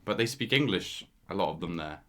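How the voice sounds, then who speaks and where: A man's voice: low voice, animated, brisk, fairly bright tone. Blunt, laid-back man on a podcast. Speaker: podcast co-host. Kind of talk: casual chat.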